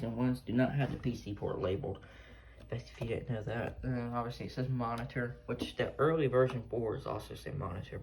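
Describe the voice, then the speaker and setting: Rambling offhand and trailing off, a man gives an unscripted, casual tour of the weather radios he collects. His mid-range voice is gravelly and a little mellow, and the amateur recording is noisy with radios.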